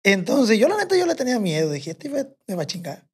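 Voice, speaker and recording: A man with a Sinaloan Mexican Spanish accent speaks in a high register with huge swings in pitch and a quick pace, his tone a little mellow and slightly rough. He's a podcast guest spinning a long, rambling, profane story in casual fashion, quoting both himself and other people.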